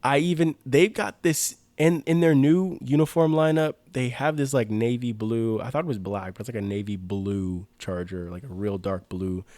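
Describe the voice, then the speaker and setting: A man's voice: medium pitch, steady tone, moderate pace, few pauses, a little mellow, dry recording. Young guy on a sports podcast, hyped, lots of "like", dry close mic. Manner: enthusiastic, lots of "like" fillers and restarts. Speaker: podcast co-host. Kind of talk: casual sports chat.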